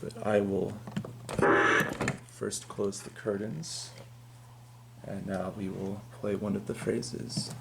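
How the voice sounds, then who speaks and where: A low-voiced man talks casually through a product comparison over a faint hum. His delivery is understated and very even, with a creaky edge. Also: takes it slowly, pauses often. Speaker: prop collector presenting his animatronics.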